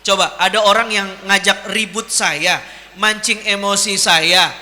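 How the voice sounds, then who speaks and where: A male preacher with a high voice and very bright, sharp tone, speaking in a large hall that rings with long reverb. He teases and jokes with the crowd, asking questions and waiting for answers. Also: fairly even intonation, a little slow. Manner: jokey and teasing, quizzing the crowd. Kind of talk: lively Ramadan sermon to an audience.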